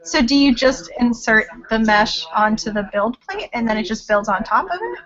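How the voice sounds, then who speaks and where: An upbeat woman interviewer with a fairly high voice, asking questions over a video call. The audio is muffled and lo-fi. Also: expressive, normal speed, fairly bright tone.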